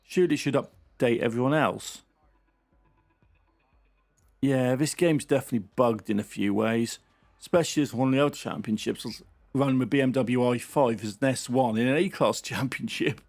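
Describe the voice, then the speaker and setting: A man's voice: medium pitch, moderate pace, a little mellow, soft background music. A man giving casual, chatty running commentary while playing a racing game. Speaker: gaming channel host.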